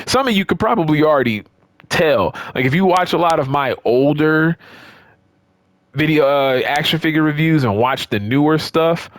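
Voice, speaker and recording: Talking off the cuff to his audience, a man who runs a YouTube channel about wrestling games and action figures rambles along and repeats phrases to drive points home. His mid-range voice has a fairly bright tone, and the recording has no echo.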